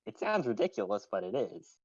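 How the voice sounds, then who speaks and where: A man's voice: lowish voice, breathy edge, dry recording, muffled recording. A man playing along in a game chat, talking hesitantly with many restarts. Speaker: fellow player. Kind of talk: casual gameplay chat.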